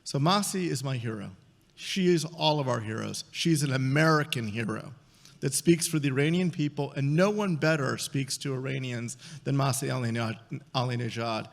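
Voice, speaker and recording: A medium-pitched man with vocal fry, middle-aged, gives an earnest and emphatic formal introduction at a conference lectern, repeating some words. He's the event's introducer on a large hall stage, and the lectern mic recording carries noticeable hall reverb.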